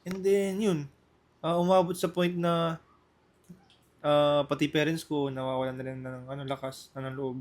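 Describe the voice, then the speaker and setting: Filipino guy, kinda high voice, casual podcast chat, gets loud when excited. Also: moderate pace. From Philippines.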